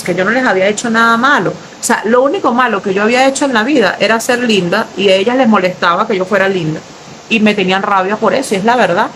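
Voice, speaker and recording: A young woman with a Venezuelan accent, telling a personal faith anecdote with lively asides to listeners. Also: on the high side, a little hiss or hum. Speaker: storyteller.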